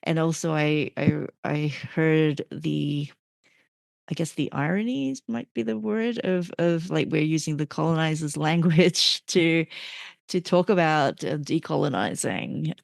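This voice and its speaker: Gravelly-voiced woman podcast host. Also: sits low, measured pace, no room sound, studio quality. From Malaysia. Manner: hesitant, many restarts and fillers. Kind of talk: interview conversation.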